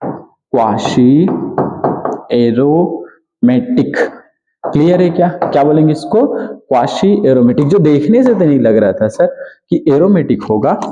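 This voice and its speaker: A man teaching a chemistry lecture. He asks questions and answers them himself, repeats key terms, and drags key words out slowly. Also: medium pitch, dark tone, muffled recording. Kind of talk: exam-prep lecture.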